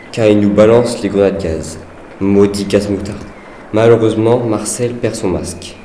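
A man giving an earnest, measured dramatized reading of a wartime letter. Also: fairly low pitch, dark tone, a little hiss or hum. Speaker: reader of a soldier's letter. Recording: echoey room with faint background ambience.

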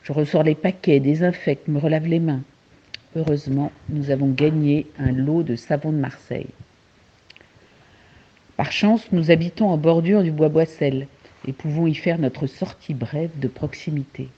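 Man reading his diary calmly, slightly husky, muffled lo-fi sound. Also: on the high side, normal speed. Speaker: diarist. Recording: dull lo-fi recording.

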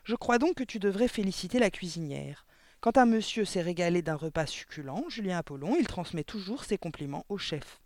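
A man's voice: sits high, lively intonation, fairly quick, a little mellow, dry recording. A man reading a storybook aloud, voicing a cruel, furious woman headmistress who bellows insults at a pupil. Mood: mock-sweet.

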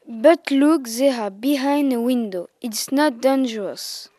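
A woman's voice: on the high side, measured pace, dark tone, no room sound. A schoolgirl playing an eager pupil on a zoo trip in a school play.

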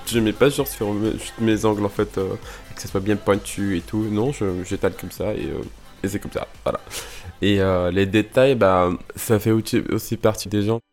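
A man's voice: fairly low pitch, normal speed, a little mellow, faint music behind. A man in his twenties from Morocco, a drag queen, talking casually about his life with many fillers and restarts. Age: 20s. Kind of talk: personal interview monologue.

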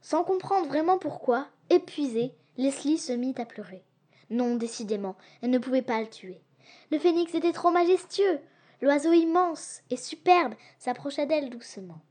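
A woman narrating an adventure audiobook for young listeners with a lively, expressive reading. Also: sits high, normal speed. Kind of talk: storybook narration.

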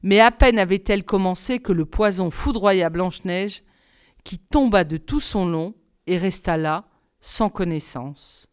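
A woman reading a fairy tale aloud in an expressive, measured storytelling way. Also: lowish voice, clear, resonant tone, no echo, studio quality. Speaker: reader.

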